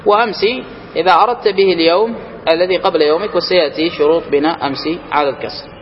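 A man teaching a grammar class, reading a text aloud slowly and then explaining it and questioning his students. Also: in a large hall, highs cut off, slight background noise. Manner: reads quoted lines slowly and higher, then explains and quizzes students.

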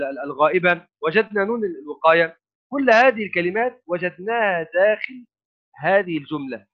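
A man teaching Arabic grammar, explaining a text step by step with rhetorical questions and halting repeats of words. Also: a little high. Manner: repeats and restarts words while thinking, asks rhetorical questions. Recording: phone-like narrow sound.

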